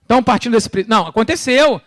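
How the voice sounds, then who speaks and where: High-pitched Brazilian pastor preaching. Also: male voice, quick pace, dry recording, clean studio sound. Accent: Brazilian Portuguese. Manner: animated preaching, rhetorical questions to the congregation; swings between loud bursts and quiet low asides. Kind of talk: sermon. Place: church.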